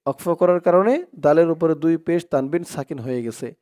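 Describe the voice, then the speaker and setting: A man teaching Arabic recitation in a slow lesson, spelling out each letter and vowel mark, then chanting the whole word. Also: a little high, warm tone, smooth.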